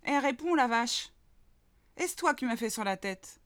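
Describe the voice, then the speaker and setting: A woman's voice: expressive, measured pace, fairly bright tone. A woman voicing an indignant little female mole in a children's storybook reading, grumbling and demanding answers. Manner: shrill, complaining, demanding.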